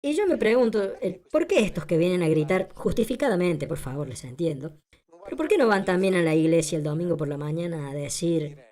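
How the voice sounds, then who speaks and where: A woman's voice: lowish voice, expressive, a little fast, dark tone. A woman giving a translated lecture as a voice-over. She is emphatic and rhetorical, repeats her points and asks the audience questions.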